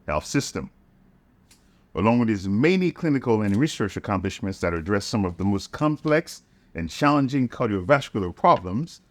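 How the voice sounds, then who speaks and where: A man's voice: on the low side, no room sound. Man hosting a formal podcast. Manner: formal introductions. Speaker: podcast host. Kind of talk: podcast interview.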